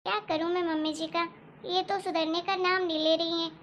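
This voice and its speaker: A woman voicing a caring mother in a family story, soft-spoken and steady. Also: extremely high pitch, a little fast, slight background noise. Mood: firm. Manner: soft, soothing. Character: gentle loving mother of a young daughter. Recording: dull lo-fi recording.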